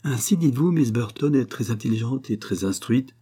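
A man's voice: mid-range voice, lively intonation, moderate pace, dark tone, breathy edge. A man voicing a proud, wounded young aristocratic widow who speaks in a pleading, bitter way. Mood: bitter, wistful.

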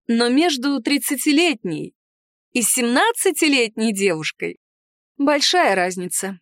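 A woman's voice: on the high side, dry recording, clean studio sound. Playful woman narrating an audiobook. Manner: playful, ironic, lively storytelling. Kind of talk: first-person audiobook narration.

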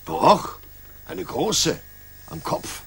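An actor playing a matter-of-fact, deferential police inspector in a 1960s German radio drama, speaking formally and factually. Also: male voice, a little high, huge pitch swings, very slow, a bit bright, breathy edge, exaggerated voice.

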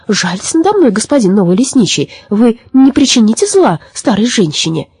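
A woman reading aloud plays a young witch from a storybook, kind but cunning. She speaks sweetly and coaxingly, in a husky, lilting voice. The recording is dry and close. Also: a little high, very animated, normal speed, a little mellow, dry recording, pitched above the performer's own voice, heavily acted. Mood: feigned meek. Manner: sweet, coaxing, slyly playful. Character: little Baba Yaga, a young witch, sly and kind.

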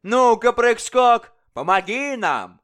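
A cruel, boisterous king roars and taunts in a storybook reading, his voice raised high and loud as a man acts him out. The tone stays smooth and resonant beneath the bluster, all bullying mockery. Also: very animated, slow pace, heavily acted. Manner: bellowing, mocking, booming laughter.

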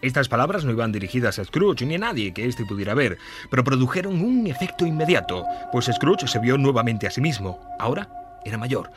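A man reads a classic tale in a measured, unhurried storytelling voice. His pitch is average, and there is faint soft music behind him. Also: big pitch swings. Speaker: narrator. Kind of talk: scripted narration.

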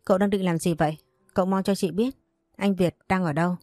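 A woman's voice: fairly low pitch, fairly even intonation, fairly quick, a little mellow, no echo, studio quality, natural voice. Woman voicing a weary heartbroken wife. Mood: anxious. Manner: tired, subdued replies.

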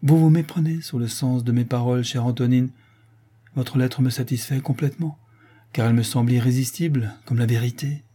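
A man voicing a grave, sorrowful young woman who speaks gently and hesitantly, in an audiobook. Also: mid-range voice, steady tone, a little fast, husky, close to an everyday voice. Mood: gentle.

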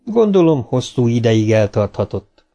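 A man voicing a cold, condescending young man in an audiobook, speaking in a smooth, measured way. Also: medium pitch, very animated, warm tone, soft background music. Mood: cool.

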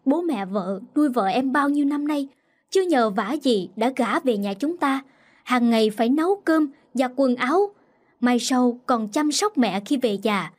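A woman's voice: on the high side, moderate pace, husky. A woman voicing a young husband who speaks firmly and sharply to his sister, in a storybook reading. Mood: firm, angry. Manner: firm, pleading then sharp.

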